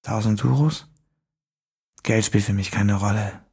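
A man voicing a sinister, soft-spoken stranger who talks in a husky, coaxing half-whisper. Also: fairly low pitch, fairly even intonation, measured pace, full character voice. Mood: menacing hush.

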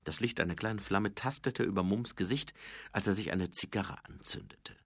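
A man narrating an audiobook with an expressive, dramatic reading. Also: on the low side, moderate pace, husky, no echo, studio quality.

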